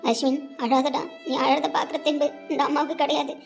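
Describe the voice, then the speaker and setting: A woman playing a fretful mother, quick and high. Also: flat delivery, vocal fry, soft background music. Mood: tender. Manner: pleading, scolding, tender. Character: worried middle-aged mother scolding her grown son. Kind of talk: web series drama acting.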